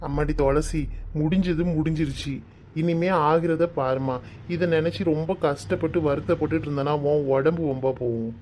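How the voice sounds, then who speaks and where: A woman doing a low-voiced cartoon village father, kind and joking. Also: steady tone, moderate pace, noisy background, close to an everyday voice. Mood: consoling. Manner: soothing, fatherly advice and comic storytelling. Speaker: father figure. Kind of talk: Tamil cartoon voice acting.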